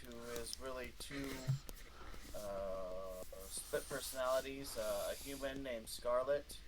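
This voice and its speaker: A man playing in a tabletop game, slow-spoken and playful. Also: mid-range voice, noisy background. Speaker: player. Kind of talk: casual tabletop game chat.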